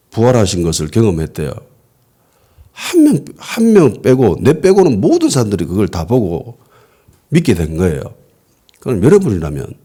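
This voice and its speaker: A man's voice: fairly low pitch, breathy edge. A man, a pastor preaching a conversational sermon and asking the congregation questions. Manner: lively, asks the congregation rhetorical questions. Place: church worship service.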